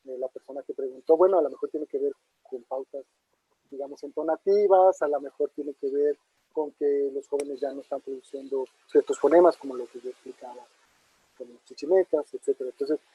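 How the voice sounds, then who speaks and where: Man, dark husky lecturing voice. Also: medium pitch, a little fast, no echo. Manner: thinks aloud with many fillers and tag questions. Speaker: linguist answering audience questions. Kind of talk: casual academic talk. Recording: dull muffled online talk audio.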